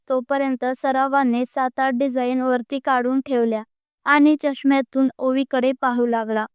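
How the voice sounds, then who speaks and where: A woman's voice: sits high, clear, resonant tone, no room sound, studio quality. A woman narrating a scripted romantic story, reading steadily.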